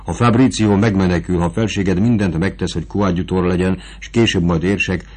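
A man's voice: sits low, steady tone, darkish tone. A man reading the part of a proud, desperate duchess in an audiobook, in an urgent, intense manner. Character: proud desperate duchess, woman fearing for her nephew.

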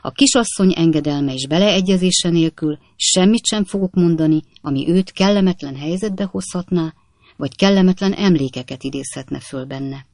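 Man doing a formal, courteous old gentleman, gravelly, audiobook. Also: a little high, no echo, clean studio sound. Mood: firm. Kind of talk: audiobook character voice.

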